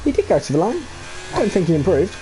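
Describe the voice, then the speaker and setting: Male sim race commentator, livestream feel, animated and jokey, wanders off-topic, very wide pitch swings. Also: quick pace, soft background music. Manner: excitable, jokey, rambling asides. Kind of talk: live sim racing league commentary.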